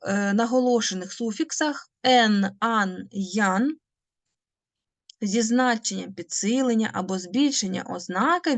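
A woman teacher giving a language lesson, patiently explaining phonetics, asking questions and answering them herself and drawing out example words slowly. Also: medium pitch, gravelly, dry recording.

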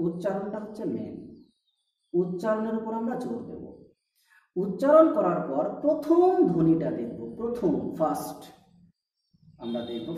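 A man's voice: fairly high pitch, dark tone. Patient male teacher in an echoey room. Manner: patient, repeats points with rhetorical questions. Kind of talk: explaining a lesson. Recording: echoey, distant, dull-sounding room recording.

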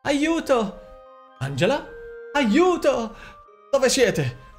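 A man's voice: very high voice, animated, drawn-out words, soft background music, pitched above the performer's own voice, full character voice. A man voicing a young prince who stammers and calls out anxiously in an audiobook. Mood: alarmed. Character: proud flustered young prince.

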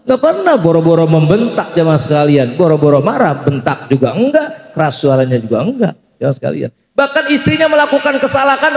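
A man's voice: on the high side, a little mellow. A man giving a humorous mosque sermon, telling jokey stories and chanting prayers. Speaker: preacher. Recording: echoey mosque hall.

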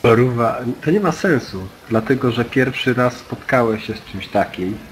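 A man's voice: mid-range voice, animated, normal speed, slight background noise, poor audio. A man acting as game master, steadily explaining dice rules and turn order to the players. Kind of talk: running a tabletop game.

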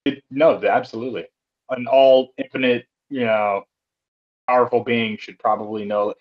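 A man's voice: medium pitch, moderate pace. A man in his thirties chats casually as a podcast co-host, rambling through movie scenes with heaps of fillers. His voice sits in a middle range. The recording sounds dull and lo-fi. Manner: rambling, animated retelling with many fillers. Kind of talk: casual chat.

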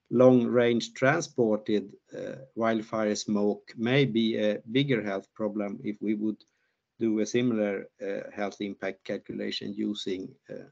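An older man presents research findings during an online conference talk and Q&A, hesitating often with fillers and restarts. His voice is lowish and creaky, picked up by a laptop mic on a video call, so the audio sounds muffled.

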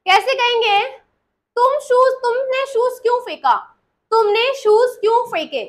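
A woman teaching English grammar to a class, repeating example sentences slowly and checking that everyone understands. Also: very high-pitched. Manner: slow, deliberate dictation of example sentences.

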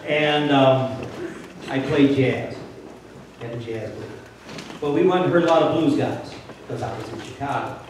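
A woman's voice: extremely low pitch, a little slow, long pauses, darkish tone, distant mic. A woman pastor giving a chatty, joking sermon and asking the congregation questions. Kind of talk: conversational sermon. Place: church sanctuary. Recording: very echoey church, voice off-mic, faint room hum.

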